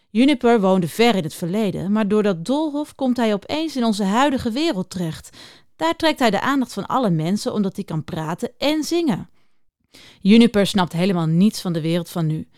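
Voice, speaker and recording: A woman reading a children's book aloud in an expressive storytelling manner. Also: fairly high pitch, no echo, studio quality.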